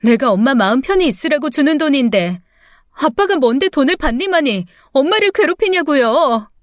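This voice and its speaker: A woman voicing a grown daughter who is bitter and defiant toward her father, with sharp, accusing, tearful protests. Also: high-pitched, very animated, normal speed, no echo, clean studio sound. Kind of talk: radio drama acting.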